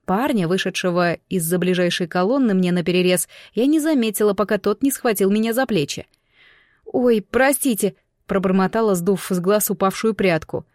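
A woman narrating a fantasy novel in the first person, with expressive storytelling. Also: medium pitch, a little fast, hardly any pauses, no echo, studio quality. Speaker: audiobook narrator.

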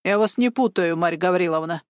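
A woman's voice: on the low side, fairly quick, no echo, clean studio sound, natural voice. Woman doing a weary young duty sergeant. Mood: exasperated.

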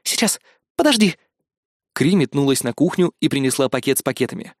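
A man narrating an audiobook in a lively, ironic storytelling manner. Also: medium pitch, fast talker, no echo, clean studio sound. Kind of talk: audiobook reading.

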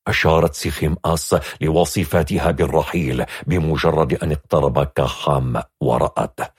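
A man narrating a dark fantasy audiobook with dramatic storytelling. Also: rumbling low, steady tone, moderate pace, slightly rough, no room sound, clean studio sound.

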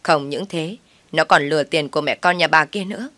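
A woman voicing a fierce, tough middle-aged mother who talks loudly and bossily. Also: low-pitched, brisk, no echo. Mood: indignant. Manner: loud and bossy.

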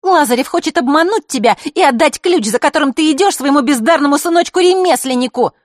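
Sly scheming teen girl, a woman reading her, high sing-song taunts, very lively, dry close sound. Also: quick pace, dry recording. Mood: mocking. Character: sly mocking teenage girl, sweetly scheming archer. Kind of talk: audiobook character reading.

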